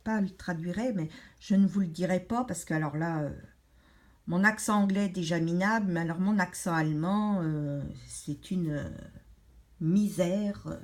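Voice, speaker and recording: A middle-aged woman chatting casually as a craft vlogger, rambling and hesitant with many pauses while she leafs through a colouring book. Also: fairly low pitch.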